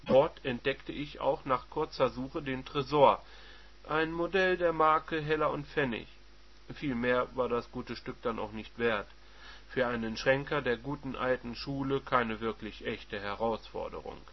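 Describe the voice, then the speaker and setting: A man reading a first-person story aloud in a wry, measured narrating voice, on a dull lo-fi recording. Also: medium pitch. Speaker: audiobook narrator.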